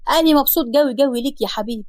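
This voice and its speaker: A woman's voice: high-pitched, very fast, darkish tone, dry recording, close to an everyday voice. Woman playing fond brother; dry close sound. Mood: affectionate. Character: warm young brother, affectionate.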